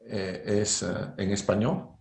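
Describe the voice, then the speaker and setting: Speaking slowly in a gravelly, darkish voice on the low side with little pitch movement, a middle-aged man with a Bolivian accent delivers a university engineering lecture by video call. He often adds a rhetorical "¿no es cierto?" as a check-in, and the audio is reverberant.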